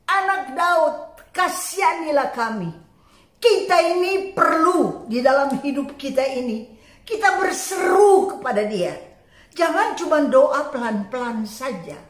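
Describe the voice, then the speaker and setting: A woman delivers an earnest sermon in a high voice. She speaks slowly and emphatically, with dramatic pauses between phrases. The recording carries a roomy echo. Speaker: preacher.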